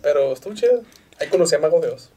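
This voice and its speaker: Fairly high-pitched, animated, and mellow, this thirty-something podcast guest from Chihuahua rattles along very fast in a northern Mexican accent. His casual conversation is relaxed, packed with slang, and peppered with swearing.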